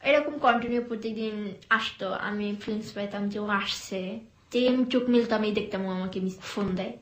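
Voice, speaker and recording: A young woman from Bangladesh recounts her own story in a relaxed interview. Her voice sits at a middling pitch and comes across soft and hesitant, broken up by pauses and fillers. The room around her is noticeably echoey. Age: young adult. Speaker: guest telling her life story.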